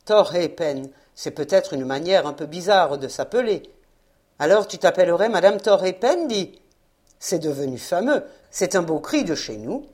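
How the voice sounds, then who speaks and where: A woman's voice: lowish voice, lively intonation, moderate pace. A woman voicing an old fisherman father in a rage. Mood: fond, teasing. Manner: stammering, shouting in rage. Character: old Breton fisherman father, stubborn and furious.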